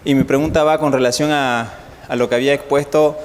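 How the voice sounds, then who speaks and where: A man from Bolivia stands in a conference audience and works his way slowly through a long question, circling back and restarting. His voice rings with long hall reverb over faint ambience. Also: medium pitch, steady tone, slight background noise. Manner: hesitant, many fillers and restarts. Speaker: audience member asking a question.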